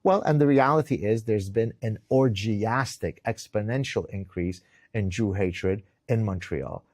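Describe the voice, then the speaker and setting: Speaking at a measured pace in a fairly low, slightly mellow voice, a middle-aged Lebanese author answers interview questions with emphasis. The indoor recording is dry and clean, like a studio. He tends to repeat words when starting and tags his points with "right?"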